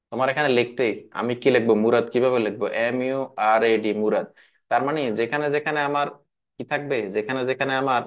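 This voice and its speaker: Male teacher, classroom lesson, repeats questions to students, dull lo-fi sound. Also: medium pitch. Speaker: English teacher.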